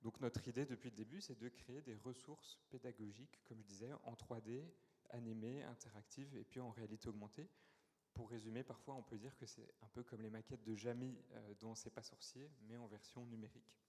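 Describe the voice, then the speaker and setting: A man giving a startup pitch, explaining his idea patiently with many small hesitations. His voice is mellow and mid-pitched. Long reverb from a large hall surrounds him. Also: fairly even intonation, brisk. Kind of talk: conference pitch. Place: conference hall.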